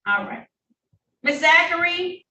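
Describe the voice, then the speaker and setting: A woman judge running formal hearings, brisk and polite, heard in a courtroom recording. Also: extremely high pitch, animated, bright, forceful tone. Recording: echoey room heard from a distance, faint noise.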